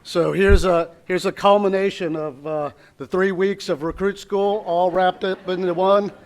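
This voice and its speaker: A man's voice: high voice, fairly even intonation, measured pace. A man from the training staff acting as emcee at a graduation ceremony, introducing the next segment with many restarts. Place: ceremony hall.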